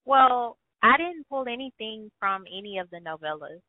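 A woman co-host answers in brief, dry lines during a relaxed podcast chat about books. The sound is thin and phone-like. It has no room echo at all. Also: on the high side, normal speed. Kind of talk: casual book podcast chat. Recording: tinny phone-like dry audio.

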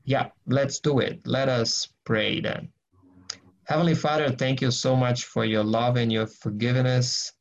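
Leading a casual online group session of Bible teaching followed by prayer, a Brazilian man speaks earnestly but ramblingly, restarting often and using many fillers. His mid-range voice is fairly even in intonation and a little slow, and the sound is lo-fi.

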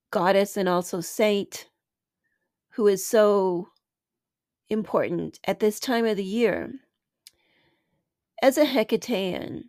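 Slow, soft-spoken woman podcast host. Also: mid-range voice, no room sound, studio quality. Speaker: podcast host and spiritual teacher. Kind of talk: slow reflective podcast talk.

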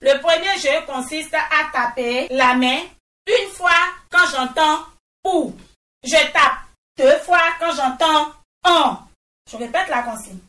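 Female primary teacher, high bright voice, patient and measured, repeats answers; recorded off-mic in a classroom. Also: recorded from a distance. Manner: patient, repeats each answer back and praises. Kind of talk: slow, deliberate classroom instruction. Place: classroom with pupils. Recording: echoey room, voice off-mic.

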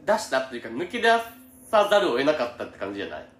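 A man's voice: mid-range voice, sing-song, very fast. A man with a Kansai accent chatting casually as a co-host giving advice, blunt and emphatic, often repeating his agreement. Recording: echoey room, noisy background with clicks.

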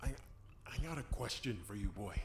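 An actor playing a menacing, cruel male stranger in an audio drama, talking in sly, mocking tones with whispers and soft laughs. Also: fairly low pitch, expressive, brisk, lightly acted. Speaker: villain. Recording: roomy echo with clear background noise.

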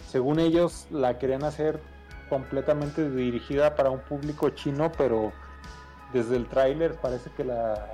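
A man from Mexico with a Mexican accent, a guest on a casual podcast, talking in a relaxed way and giving examples. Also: medium pitch. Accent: Mexican Spanish.

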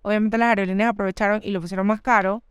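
A young woman, co-hosting a casual podcast and telling travel stories in a lively, animated way. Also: mid-range voice, rapid-fire, clear, resonant tone, no echo, clean studio sound. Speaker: podcast co-host. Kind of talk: casual chat.

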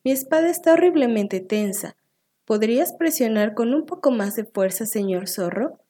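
A woman's voice: a little high, animated, moderate pace, warm tone. A woman voicing a sly little piglet. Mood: sly, content. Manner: sighing, squealing, sweetly persuasive. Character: small clever male piglet, sly and polite.

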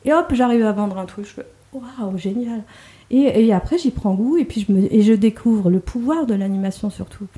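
A woman with a warm, mellow voice tells her story at an easy conversational pitch. She laughs often and circles back on her words, restarting her sentences with plenty of fillers. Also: animated, brisk. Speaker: guest. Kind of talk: conversational interview.

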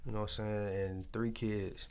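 A man's voice: on the low side, moderate pace, clear, resonant tone. A man telling personal stories in casual, candid conversation, colloquial and peppered with swearing. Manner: colloquial, sweary, animated storytelling.

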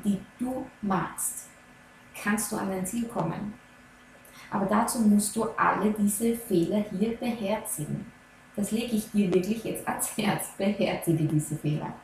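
A woman coaching on Ayurveda, talking gently and earnestly straight to the listener. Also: mid-range voice, a little hiss or hum. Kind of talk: slow advice talk to viewer. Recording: very echoey room, faint ambience.

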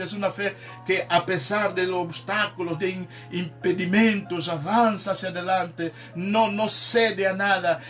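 A man's voice: sits high, fairly bright tone. A man preaching a sermon, emphatic and dropping in frequent amens. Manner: emphatic, peppers speech with "amén".

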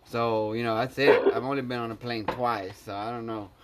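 A man's voice: medium pitch, steady tone, normal speed, very noisy. A man telling stories in casual chat, slangy and full of swearing.

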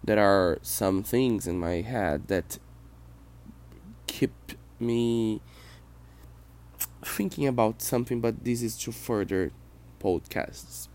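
With a fairly low, darkish voice, a Brazilian man carries his personal podcast in English, a second language for him. His Brazilian Portuguese accent comes through as he reflects aloud, pausing and halting.

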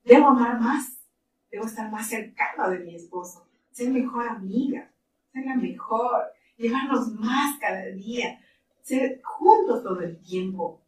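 A woman's voice: fairly high pitch, a little slow, a little hiss or hum. A middle-aged woman in ministry tells stories animatedly and laughs easily. She sits some way from the microphone. The room is echoey, with faint ambience underneath. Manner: animated storytelling, laughs often. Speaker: ministry leader. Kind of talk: interview conversation. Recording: roomy, distant mic, faint ambience.

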